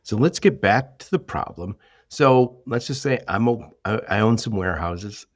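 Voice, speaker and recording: Deep-voiced man hosting an interview. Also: normal speed, no room sound, clean studio sound. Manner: storytelling, animated asides. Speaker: podcast host. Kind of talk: casual interview chat.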